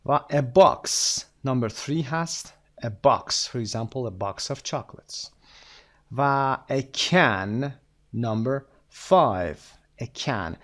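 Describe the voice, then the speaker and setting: A man with a Persian accent, a native Persian speaker, teaching an English textbook lesson. He draws out the English phrases slowly and rattles off the Persian explanations quickly. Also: mid-range voice. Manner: slow, drawn-out English phrases.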